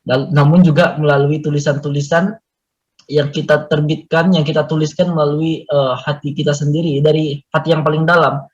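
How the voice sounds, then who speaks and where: A man's voice: a little high, little pitch movement, moderate pace, a little mellow. A man speaking earnestly and reflectively as a guest in an online community meeting, with frequent fillers, heard over a video call. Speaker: guest poet and mountain climber. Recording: muffled online call audio.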